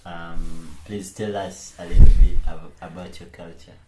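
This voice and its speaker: A man from Uganda interviewing a guest, asking soft-spoken questions with short fillers in between. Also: low-pitched, flat delivery, unhurried. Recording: echoey room with faint noise.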